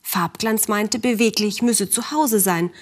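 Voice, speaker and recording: A woman narrating a children's story in a gentle, calm way, speaking directly to the children. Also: medium pitch, measured pace.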